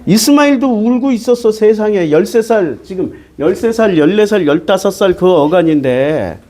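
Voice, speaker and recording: A man's voice: high voice, expressive, moderate pace, dark tone. A man preaching a Bible-teaching sermon as pastor, talking casually and asking his listeners question after question. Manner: conversational, switching between polite and casual speech.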